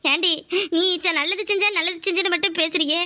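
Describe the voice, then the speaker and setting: Brief: an older scolding cartoon mother, Kanyakumari Tamil accent, shrill. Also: fairly even intonation, brisk, pushed and bright, exaggerated voice. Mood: lamenting. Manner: lamenting, scolding. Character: grieving old mother, wailing and scolding. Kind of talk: cartoon voice acting.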